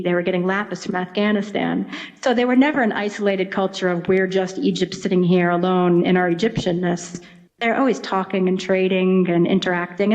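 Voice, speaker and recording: An Egyptologist appears as an interview guest, a woman with a mid-range, slightly mellow voice who explains things conversationally and acts out little imagined quotes along the way. The audio is dull and lo-fi.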